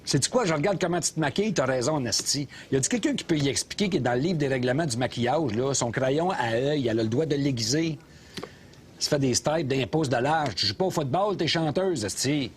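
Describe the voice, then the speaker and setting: An actor plays a middle-aged Québécois taxi driver with opinions on everything, sneering and ranting from behind the wheel. His voice sits in a middle pitch, and faint background noise hangs under it inside the cab. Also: expressive, brisk, lightly acted. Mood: mocking. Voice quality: sarcastic ranting, mocking. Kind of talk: scripted comedy sketch.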